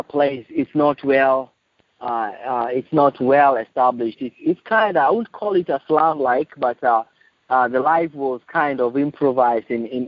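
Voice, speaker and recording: A man in his late thirties with a Kenyan accent, giving a personal testimony in a halting, earnest way. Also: mid-range voice. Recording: muffled, echoey lo-fi phone call.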